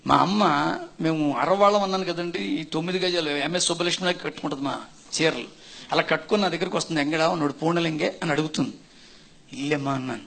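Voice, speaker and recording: A man's voice: high-pitched, a bit bright, husky. A man preaching his conversion testimony in an earnest sermon, speaking to listeners directly and rising to emphatic bursts.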